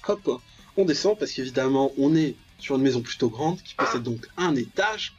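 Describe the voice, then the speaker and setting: Over game music and through a dull lo-fi mic, a man hosts a let's play in an animated, moderately paced voice that's mid-range, slightly mellow, and husky. He reads in-game text aloud and comments ironically, interjecting often.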